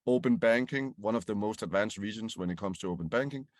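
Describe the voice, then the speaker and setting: Man answering with halting restarts. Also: fairly low pitch, no room sound, studio quality. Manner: hesitant, repeats words, many fillers. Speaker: podcast guest. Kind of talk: interview answers.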